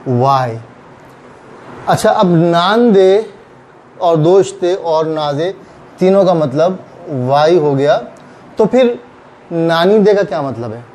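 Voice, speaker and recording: High-voiced man teaching Japanese slowly. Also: a little mellow, a little hiss or hum. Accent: Urdu. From Pakistan. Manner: patient, repeats example phrases slowly. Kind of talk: explaining grammar in a recorded lesson.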